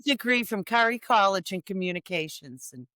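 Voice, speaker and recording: A woman's voice: mid-range voice, expressive, normal speed, pushed and bright, dry recording. A woman with a Boston accent, chatting playfully as a podcast guest. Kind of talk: casual chat.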